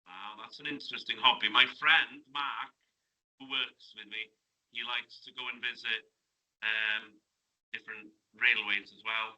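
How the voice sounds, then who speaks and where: A middle-aged man talks easily with students in a classroom radio interview. His voice is very bright and ringing at an average pitch. He chats warmly and keeps ending with little tag questions. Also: fairly even intonation, a little slow, low-quality recording. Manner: friendly, chatty, asks lots of tag questions. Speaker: guest. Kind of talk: casual interview chat.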